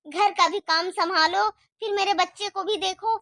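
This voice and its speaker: A woman's voice: very high voice, fairly even intonation, a little slow, no echo, studio quality, heavily acted. A woman voicing a tired young wife and mother who pleads and defends herself in a cartoon story. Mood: grumbling. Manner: pleading, defensive, soft complaining. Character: weary put-upon young wife with children.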